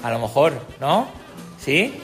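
A man's voice: medium pitch, big pitch swings, slow, soft background music. A man, a teacher quizzing children on a school radio show in an encouraging, playful way. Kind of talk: quizzing children in class chat.

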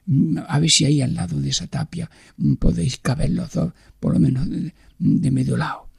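Busy innkeeper, apologetic and chatty, dark, raspy voice, dry sound, man voicing. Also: a little high, steady tone, normal speed, no echo, pitched above the performer's own voice, full character voice. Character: busy male innkeeper turning travelers away.

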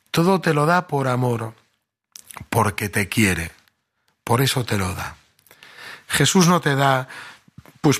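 Husky-voiced preacher, conversational. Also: male voice, medium pitch, a bit bright. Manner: conversational, fond of fillers, building to emphatic peaks. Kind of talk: sermon with storytelling.

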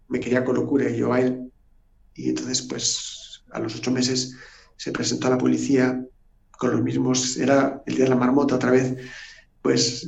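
A priest telling a lively story on a radio interview. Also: male voice, mid-range voice, vocal fry, echoey room, a little hiss or hum. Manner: animated anecdotal storytelling. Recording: dull lo-fi audio.

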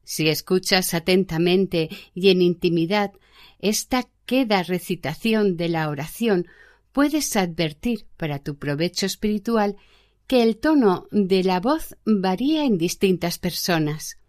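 A gentle, learned old monk explains prayer in a calm, measured voice , as a woman reads him aloud from a spiritual book. The pace stays slow and deliberate. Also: lowish voice. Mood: teaching. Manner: measured, unhurried reading.

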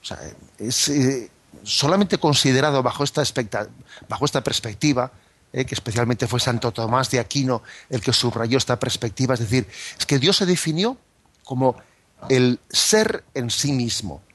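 A man's voice: medium pitch, moderate pace, a bit bright, slightly rough. A man explaining scripture as a catechism teacher, speaking thoughtfully with frequent tag questions and fillers.

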